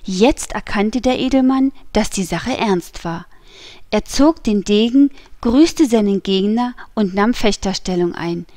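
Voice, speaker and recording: A woman narrating a classic adventure novel as an audiobook, in a steady, measured manner on a close microphone. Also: medium pitch, no room sound.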